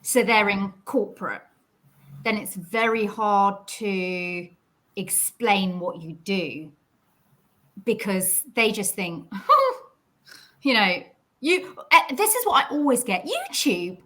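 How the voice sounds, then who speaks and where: A woman chatting as a guest on a video call, a YouTuber talking in an animated way. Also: medium pitch. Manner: animated, quick to laugh. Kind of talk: casual video call chat. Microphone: video call microphone.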